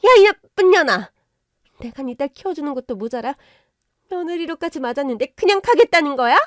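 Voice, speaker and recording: A woman voicing a pushy, indignant middle-aged mother-in-law who rants loudly. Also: high voice, lively intonation, unhurried, no room sound, studio quality, voice pushed up. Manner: loud, indignant, ranting.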